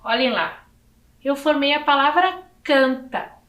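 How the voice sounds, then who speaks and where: A woman from Brazil teaching young children in a video lesson, slowly counting letters and syllables aloud. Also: high-pitched, lively intonation, fairly bright tone, reverberant.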